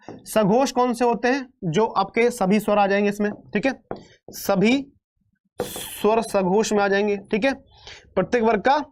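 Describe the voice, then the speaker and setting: A man's voice: high voice, a little hiss or hum. A man teaching an online exam-prep grammar class, chatty and joking, calling students beta and repeating terms back as questions. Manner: playful and chatty, calls students beta, throws in jokes; repeats terms and quizzes the viewers. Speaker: Hindi teacher.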